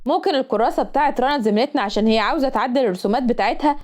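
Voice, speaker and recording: A woman's voice: sits high, racing, a little mellow, close to an everyday voice. Woman doing a cheeky young Egyptian student guy. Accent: Egyptian Arabic. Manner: teasing, cheeky. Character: joking young male student classmate.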